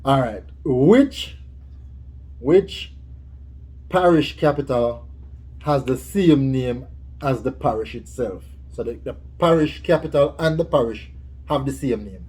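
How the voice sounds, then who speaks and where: A man with a Jamaican accent hosting a casual, playful quiz challenge, teasing in an animated way and talking to viewers. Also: medium pitch, slow, long pauses, husky. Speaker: challenge video host.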